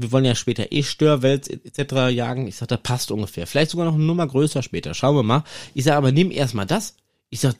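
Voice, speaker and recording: A man hosting a fishing podcast, casually retelling a night of angling and acting out the dialogue with his friend. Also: mid-range voice. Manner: lively anecdotal retelling, acts out dialogue. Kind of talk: casual storytelling to listeners.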